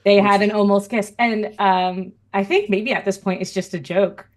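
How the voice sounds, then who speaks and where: A woman co-hosting a casual fan podcast, her pitch sitting in a middle register. She talks in an animated, chatty way that bubbles with amusement. It is relaxed conversation among friends. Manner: animated, chatty, quick to laugh. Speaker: podcast co-host.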